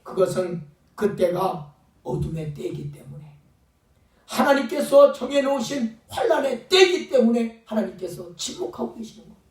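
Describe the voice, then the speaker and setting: A male pastor with a very high voice delivers a fervent sermon, at times acting out pleading voices. He is recorded from a distance in a church, so the sound is echoey and roomy. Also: big pitch swings, normal speed, darkish tone. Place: church sanctuary.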